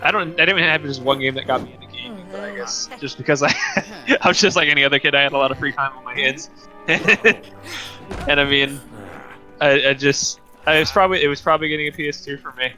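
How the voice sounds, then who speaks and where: A man's voice: a little high, fast, pushed and bright, poor audio. A young man co-hosting a casual gaming podcast, rambling and laughing often. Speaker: podcast co-host. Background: game music.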